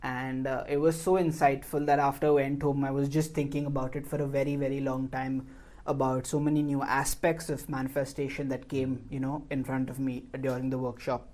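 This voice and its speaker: A man's voice: medium pitch, flat delivery, a little fast, darkish tone. A man hosting a podcast interview, talking in a chatty, rambling way with many fillers. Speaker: podcast host.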